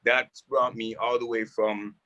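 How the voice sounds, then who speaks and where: A Jamaican music producer tells animated stories in casual conversation from a rehearsal building. His voice is medium-pitched and measured, with the high frequencies cut off.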